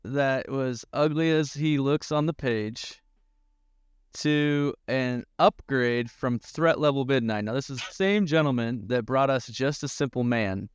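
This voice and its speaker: A man's voice: medium pitch, unhurried, clean tone, dry recording, studio quality. A man co-hosting a casual chat, reading out a fan card and joking about it. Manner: reads card text, then jokes about it. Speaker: podcast co-host.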